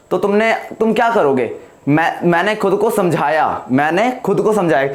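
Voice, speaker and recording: A man with a fairly high voice teaches English grammar in a classroom. He explains slowly, repeats his points and keeps checking with the class through questions. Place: classroom with whiteboard.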